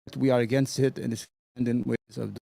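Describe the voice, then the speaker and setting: رجل بصوت داكن وهادئ، مستوى الصوت متذبذب لأن الميكروفون ينقطع باستمرار، تسجيل جاف بلا صدى. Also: male voice, mid-range voice, flat delivery, creaky, mellow, no echo, studio quality. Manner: halting, repeats words when stuck. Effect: uneven volume from a mic that keeps cutting out. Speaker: debate guest. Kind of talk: opinion statement in an online debate stream. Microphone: home computer mic with noise gate.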